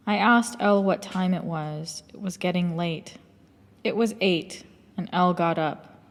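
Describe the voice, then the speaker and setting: A woman reading a first-person memoir aloud in a measured, reflective way. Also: lowish voice, steady tone, long reverb tail. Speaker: audiobook narrator.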